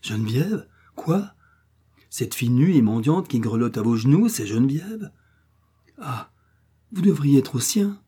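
A man reading aloud and voicing an indignant older peasant woman who speaks out loudly and emphatically in raised tones. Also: animated, normal speed, husky. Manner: raised pitch, emphatic declaiming.

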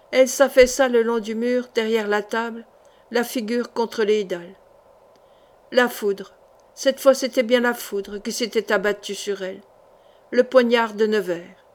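A woman reading a historical adventure novel aloud in a steady, measured narration. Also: a little high. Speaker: audiobook reader.

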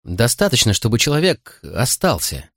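A man's voice: medium pitch, huge pitch swings, moderate pace, creaky, a bit bright, no echo, clean studio sound, pitched above the performer's own voice, heavily acted. A man voicing an anxious young boy who presses with emotional, pleading questions in an audiobook.

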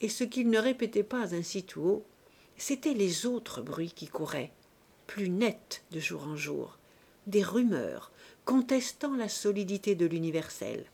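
A woman reading a classic novel aloud with a measured, expressive narration. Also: mid-range voice, vocal fry, breathy edge. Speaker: audiobook narrator. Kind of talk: scripted literary narration.

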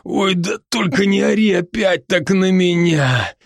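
A man playing a brash gravelly werewolf buddy. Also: sits high, animated, no room sound, clean studio sound, exaggerated voice. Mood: brash teasing. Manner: brash, teasing, rapid-fire banter. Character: boisterous, joking adult male werewolf friend. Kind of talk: audiobook character voice.

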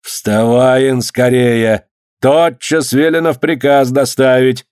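A man voicing a gruff, commanding male government clerk who scorns the peasants. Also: on the high side, expressive, normal speed, dry recording, clean studio sound, pitched above the performer's own voice, natural voice. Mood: scornful, commanding.

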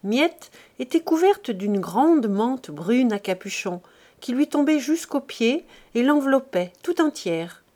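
A woman reads a classic novel aloud as an audiobook narrator, in a measured, expressive way. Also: a little high.

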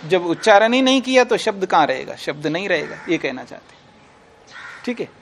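A man teaching a class on a classical philosophy text. He reads Sanskrit lines slowly, explains them in plain terms, and asks the class questions that he then answers himself. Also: high voice, big pitch swings, gravelly, slight background noise.

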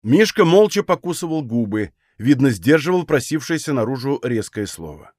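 A male audiobook narrator reading a novel in a measured, expressive way. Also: medium pitch, dry recording, clean studio sound. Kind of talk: scripted narration.

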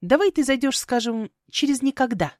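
A woman voicing a sharp-tongued young witch heroine with quick, sarcastic retorts in a fantasy audiobook. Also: high voice, lively intonation, dry recording, clean studio sound, voice pushed up. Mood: sardonic.

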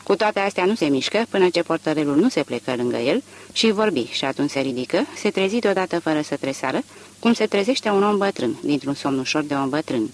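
A man narrating a literary audiobook in an expressive, varied storytelling manner. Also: on the high side, slight background noise.

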